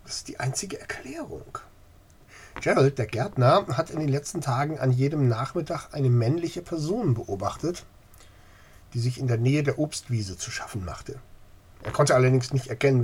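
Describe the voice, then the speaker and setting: Man as hesitant formal park manager, husky, lively intonation. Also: mid-range voice. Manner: hedging, long-winded and formal.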